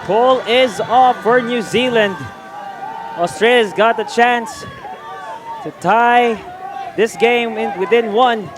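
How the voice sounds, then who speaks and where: A man with a strikingly high voice calls live play-by-play at a slow, deliberate pace. A crowd murmurs loudly behind him, with outdoor noise clearly heard. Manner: calls the action, rising when plays happen. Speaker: play-by-play commentator. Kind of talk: live sports commentary.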